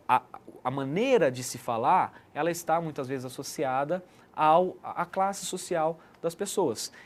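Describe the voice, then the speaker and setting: A man giving an explanatory online lesson as a teacher, checking in with the listener often. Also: mid-range voice. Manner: didactic, frequent "né" tag questions.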